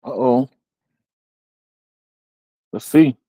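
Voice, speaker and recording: A man hosting a casual tech podcast, rambling with restarts and quick laughs. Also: medium pitch, warm tone, breathy edge, no echo. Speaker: podcast host.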